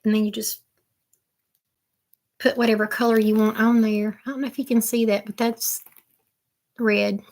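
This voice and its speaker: A woman's voice: on the high side, flat delivery, normal speed, long pauses, a little mellow. Chatty older woman. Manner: chatty, rambling, homey. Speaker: crafting vlogger. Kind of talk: casual unboxing chat to viewers.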